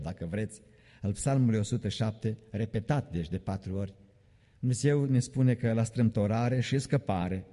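A man's voice: fairly low pitch, dark tone. A man preaching an evening sermon in a church, emphatic, repeating key phrases and joking mockingly. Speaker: pastor. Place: church sanctuary. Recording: long reverb of a church hall.

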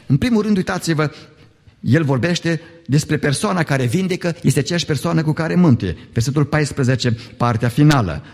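A male pastor preaching a sermon in a church, animated and asking the congregation rhetorical questions. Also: a little high. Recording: long church hall reverb.

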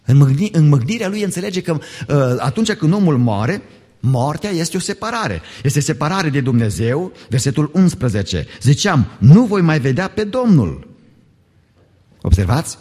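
A male pastor preaching a sermon in a church, animated and asking the congregation rhetorical questions. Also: fairly high pitch, slightly rough. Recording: long church hall reverb.

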